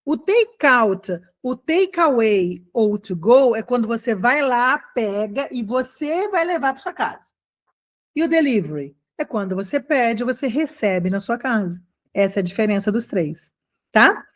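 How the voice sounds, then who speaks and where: Chatty higher-pitched woman teaching. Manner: chatty, encouraging, drawn-out slow model phrases. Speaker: English teacher. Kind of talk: casual online English lesson.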